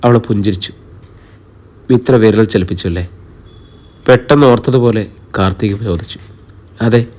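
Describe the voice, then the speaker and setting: A man narrating a romantic audio story in a calm, even manner. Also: fairly low pitch, moderate pace, long pauses. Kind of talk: scripted narration.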